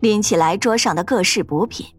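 A woman narrating a fantasy ghost story in an expressive, dramatic storytelling manner. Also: medium pitch, brisk, faint music behind.

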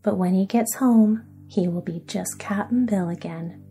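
A woman softly voicing a kind young mermaid princess in a whispered role-play sleep story. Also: mid-range voice, measured pace, soft background music, natural voice. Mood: gentle. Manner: soft and kindly.

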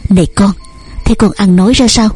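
A woman's voice: mid-range voice, fairly quick, darkish tone, breathy edge, natural voice. A woman voicing a worried middle-aged mother who soothes and questions her daughter. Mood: anxious. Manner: soothing, urgent.

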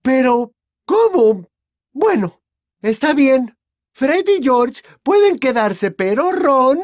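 A man doing a shrill, fierce witch mother. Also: expressive, normal speed, no echo. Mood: furious. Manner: shrill, strained, near shouting. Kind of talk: audiobook character voice.

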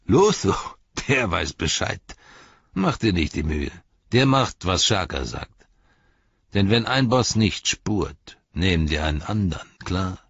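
A man voicing a large brutish human ruffian who mocks and threatens in a husky voice. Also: deep voice, very animated, a little slow, a bit bright, dry recording, dull audio, exaggerated voice. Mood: menacing. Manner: menacing, mocking.

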